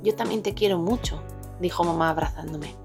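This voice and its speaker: A woman co-hosting a parenting podcast, reading a children's story aloud with lively, expressive voices for the characters. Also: fairly low pitch, brisk. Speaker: podcast co-host. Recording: music playing faintly behind.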